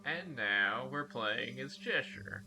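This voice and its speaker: A man giving relaxed, chatty commentary while streaming a game. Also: mid-range voice, slow pace, background noise. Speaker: gameplay streamer. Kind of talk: casual gameplay commentary.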